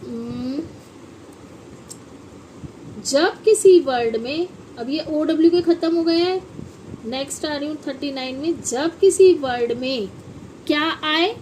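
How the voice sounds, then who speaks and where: Woman, phonics teacher, high and unhurried, spells words out to kids, slight background hiss. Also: darkish tone. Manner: spells words out letter by letter, then asks the children to repeat. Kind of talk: classroom-style phonics lesson.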